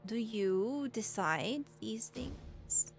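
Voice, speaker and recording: A woman voicing a small, smug imp servant in a tabletop game, speaking in a tiny, measured, taunting voice. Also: a little high, lively intonation, faint music behind, full character voice. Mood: smug, cryptic.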